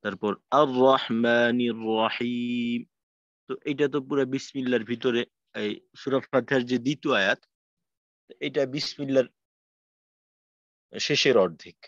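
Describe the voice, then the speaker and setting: A man teaching Quran recitation in an online class, explaining patiently and slowly stretching out sample verses. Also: mid-range voice, no echo. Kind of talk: online tajweed lesson. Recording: dry, muffled lo-fi audio.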